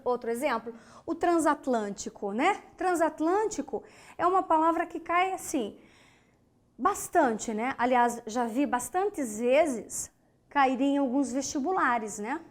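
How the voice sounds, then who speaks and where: A Brazilian woman teaches an online grammar class at an unhurried pace. Her voice sits high, and she breaks words into syllables with clear emphasis. She keeps asking the students rhetorical questions. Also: animated. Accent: Brazilian Portuguese.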